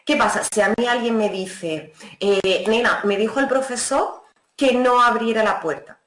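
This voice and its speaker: Teacher explaining grammar patiently. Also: female voice, fairly high pitch, fairly bright tone, echoey room, low-quality recording. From Spain. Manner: patient, explanatory, frequent "¿vale?" checks, slows down for English examples. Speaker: English teacher. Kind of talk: online class explanation.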